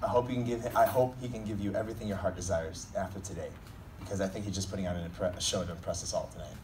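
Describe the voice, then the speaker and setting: A man's voice: low-pitched, steady tone, rapid-fire. Man giving a teasing toast, distant noisy recording. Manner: joking, teasing, informal. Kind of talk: comedic wedding speech.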